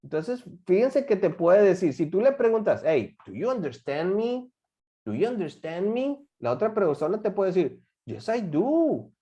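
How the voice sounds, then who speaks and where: Animated teacher. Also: mid-range voice, moderate pace. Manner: repeats and acts out example phrases. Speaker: English teacher. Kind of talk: classroom lesson. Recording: dull lo-fi recording.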